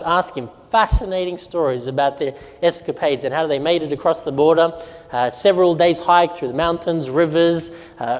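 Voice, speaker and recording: A man from Romania, a pastor, delivers a sermon presentation in which he tells stories and questions the audience. His voice is on the high side and a little mellow, and the recording carries a long hall reverb.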